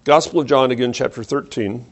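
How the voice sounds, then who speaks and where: A man preaching a sermon, reading scripture aloud and reflecting on it, often dropping his voice low on key points. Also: fairly quick. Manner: reflective, varies pace and loudness, drops low on key points.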